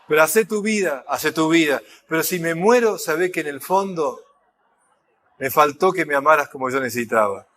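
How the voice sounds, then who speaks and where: A man's voice: on the high side, expressive, moderate pace, a bit bright, slight background noise. A man doing a martyr-like guilt-tripping parent. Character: self-pitying guilt-tripping aging parent.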